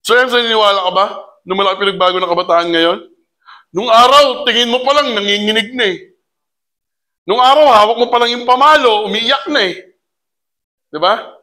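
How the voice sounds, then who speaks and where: A man giving a lively seminar talk to an audience, mixing in English phrases and keeps asking his listeners rhetorical questions. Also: high-pitched, normal speed, pauses often. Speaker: seminar speaker for a community orientation.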